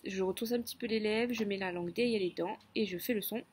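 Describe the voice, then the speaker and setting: A woman teacher giving a children's phonics lesson, speaking slowly and clearly and stretching out words for listening games. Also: medium pitch, a little mellow, slight background noise.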